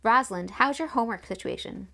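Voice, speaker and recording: A woman doing a steady, patient dad, storybook reading, slight vocal fry. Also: fairly high pitch, fast, voice pushed up, heavily acted. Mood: coaxing. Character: a father, kindly and steady with his daughters. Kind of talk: audiobook character reading.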